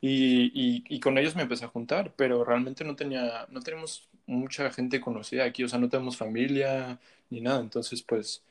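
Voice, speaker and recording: In a casual chat that feels like catching up with an old friend, a young guest musician from Mexico rambles along with plenty of slang and fillers. His Mexican Spanish accent colors a mid-range voice that stays steady at a moderate pace.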